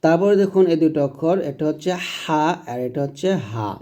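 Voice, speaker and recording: Guy teaching quran letters, slow drawn-out sounds, warm mellow tone. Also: on the high side, animated. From Bangladesh. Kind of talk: recitation lesson.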